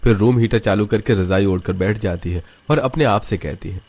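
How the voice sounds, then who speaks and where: Male narrator, slightly low, steady scripted storytelling. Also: moderate pace.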